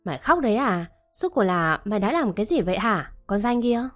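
A woman's voice: mid-range voice, big pitch swings, fairly quick, a bit bright, faint music behind. A woman voicing a harsh middle-aged mistress of the house who scolds her maid with contempt. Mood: scornful.

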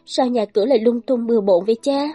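A gentle young daughter speaks up with soft concern, voice lifted high, as a woman gives her voice. A tender storybook heroine. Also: fast, natural voice.

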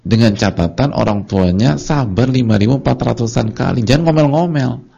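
A man giving a casual, colloquial religious lecture, telling lively stories and acting out short dialogues. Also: mid-range voice, normal speed, vocal fry, slightly rough. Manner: colloquial and conversational. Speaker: Islamic preacher. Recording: dull lo-fi lecture recording.

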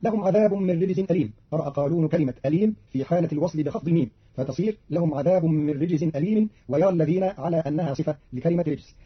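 A man reading a formal, scripted explanation of recitation variants as a radio announcer, in a brisk, even delivery. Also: on the high side, slightly rough. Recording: dull lo-fi radio archive recording.

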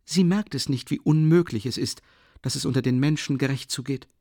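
A man voicing a timid, anguished young woman who pleads in a breathy, rising voice, in a dry audiobook reading. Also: fairly high pitch, expressive, normal speed, a little mellow, no room sound, voice pushed up, heavily acted. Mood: pleading, distraught.

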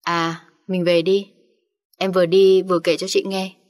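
A woman's voice: lowish voice, flat delivery, a little slow, darkish tone, natural voice. A woman voicing a hot-tempered young woman who speaks bluntly in an audiobook story. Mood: casual. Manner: blunt, threatening.

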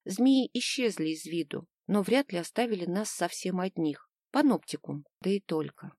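A woman with a low voice reads a novel in the first person at an even, measured pace. The recording is dry and close, with no room sound at all. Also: dry recording. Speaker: audiobook narrator. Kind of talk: first-person audiobook narration.

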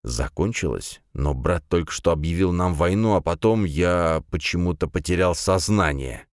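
A man voicing a bewildered older count, a loving father, speaking slowly, in an audiobook. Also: sits low, animated, no room sound, studio quality. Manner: slow, bewildered. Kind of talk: audiobook character reading.

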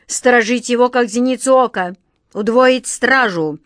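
A woman's voice: fairly high pitch, measured pace, dry recording, studio quality, pitched above the performer's own voice, natural voice. A woman playing a fretful, whiny fairy-tale king who barks orders and frets over his health. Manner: whiny, commanding, easily flustered.

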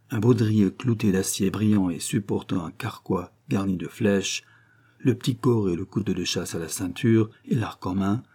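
A man narrates a classic novel in a measured, literary manner. His voice is low and mellow, with a husky edge. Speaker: audiobook narrator.

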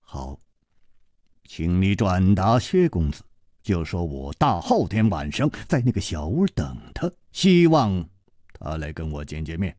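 A man voicing a calm, worldly male swordsman hero who speaks slowly and sighs wryly. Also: dry recording, studio quality. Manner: slow low-voiced sighing speech.

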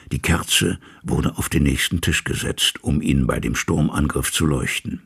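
Deep husky guy reading a storybook, gravelly voice swinging up and down a lot. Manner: measured, dramatic storytelling. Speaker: audiobook reader. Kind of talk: scripted literary narration.

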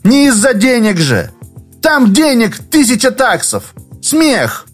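Blunt, exasperated office worker, by a man, animated delivery. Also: fairly high pitch, measured pace, slightly rough, faint music behind, voice pushed up, heavily acted. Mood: desperate, shouting. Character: frustrated, stubborn young male office worker.

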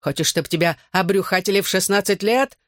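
A man voicing a drunk, violent father who growls his words slowly and heavily. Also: high-pitched, dry recording, clean studio sound, natural voice. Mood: furious drunk. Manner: slow, heavy, snarling delivery.

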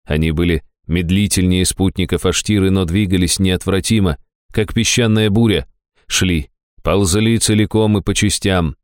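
A man reading a fantasy audiobook in scripted narration, with a measured, even delivery. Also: sits low, no room sound.

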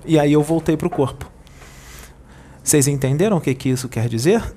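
A spiritual medium, a man, recounting a vision to his audience in an animated, repetitive storytelling manner. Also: a little high, normal speed. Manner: animated storyteller, repeats himself.

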